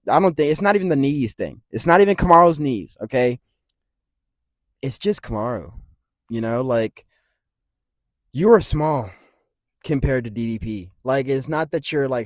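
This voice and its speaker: A man hosting a casual fight-prediction rant, rambling and swearing freely, with big jumps in loudness. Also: mid-range voice, no room sound, studio quality. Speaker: MMA commentary channel host.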